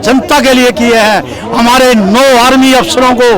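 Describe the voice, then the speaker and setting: A man with a very high-pitched voice delivers impassioned street oratory. He is emphatic and declamatory, repeating phrases like a poet at a rally. A busy crowd and traffic surround him outdoors. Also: fairly even intonation, a little slow. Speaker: street interviewee, political supporter reciting poetic praise. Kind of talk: impassioned street political oratory with rhymed verses.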